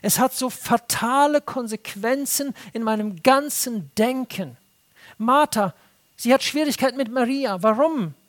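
A preacher giving an earnest, exhorting sermon, rising to raised emphatic stretches and sinking to hushed, low, intense passages, with phrases repeated for weight. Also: a little slow.

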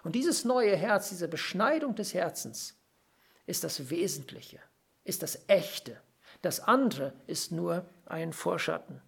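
A preacher giving an earnest sermon, stressing key phrases through repetition and pausing now and then to search for words. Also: mid-range voice, expressive, gravelly, fairly bright tone, slightly rough. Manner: pauses to search for words with fillers. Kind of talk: sermon on a Bible passage.

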